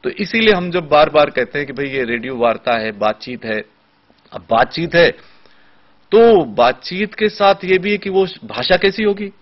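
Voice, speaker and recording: A man explaining radio as an expert guest in a studio discussion, teacherly, giving spoken examples with deliberate pauses. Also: fairly high pitch, expressive. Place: television studio. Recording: dull lo-fi broadcast audio.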